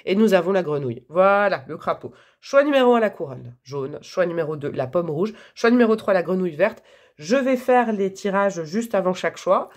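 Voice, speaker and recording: A woman's voice: fairly low pitch, expressive, normal speed, darkish tone. A woman reading tarot for her viewers in a chatty, casual way, with many fillers and frequent laughs. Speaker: tarot reader.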